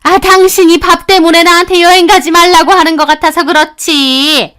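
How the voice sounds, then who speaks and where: A woman voicing a nagging, sharp-tongued older mother-in-law who scolds with contempt. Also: very high-pitched, fairly even intonation, moderate pace. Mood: annoyed.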